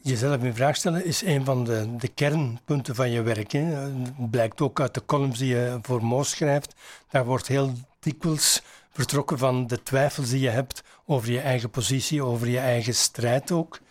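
A man interviewing a guest, asking long, measured, probing questions. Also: medium pitch.

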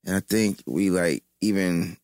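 A man guest telling a story casually, halting with many um's. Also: sits low, a little mellow, no echo. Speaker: songwriter guest.

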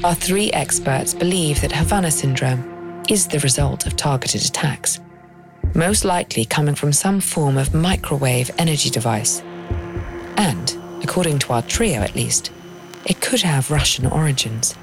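A woman reading scripted documentary narration as the host, in a measured, explanatory way. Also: low-pitched, animated. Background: music.

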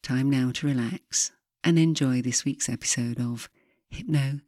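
A woman with a low-lit, mellow tone and a soft, breathy edge narrates guided hypnosis. She speaks slowly and soothingly, leaving measured pauses between phrases. The recording is close and dry. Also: no room sound. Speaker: hypnotherapist host.

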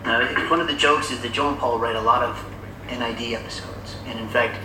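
A man's voice: medium pitch, fairly even intonation, fairly quick, noisy background. A man giving a casual audio commentary, played off a TV and re-recorded on a phone held to the speaker. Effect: played off a TV and re-recorded through a phone held to the speaker. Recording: tinny, echoey phone re-recording from far off.

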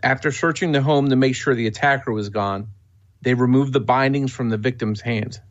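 A man reads a true-crime script steadily and matter-of-factly, with a middle-range voice. The audio sounds slightly dull and muffled, as if the high end has been rolled off. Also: normal speed. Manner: steady, matter-of-fact reading. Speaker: podcast co-host.

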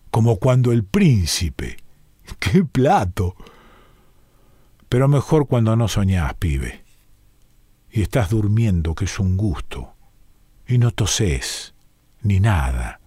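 A man's voice: on the low side, a little mellow, no room sound, studio quality. A man reading as an ailing old boxer. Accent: Rioplatense Argentine Spanish. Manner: colloquial, rambling, confiding. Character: ailing bedridden former boxer, man, reminiscing. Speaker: reader. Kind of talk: dramatic reading of a short story.

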